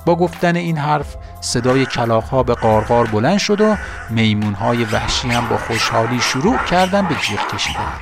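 A man narrating a children's story in a lively, repetitive storytelling way, asking the listeners questions. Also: medium pitch.

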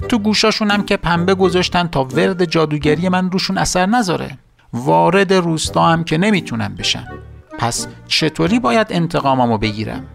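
A man's voice: a little high, vocal fry, voice pushed up. A man voicing a bitter, jealous evil sorcerer in a storybook tale, talking in a raised, angry, whiny voice.

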